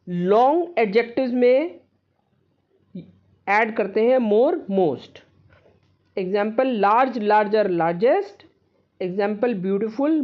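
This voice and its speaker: A woman teaching a grammar lesson, explaining rules step by step and reading example sentences slowly and deliberately. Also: on the high side, dull audio.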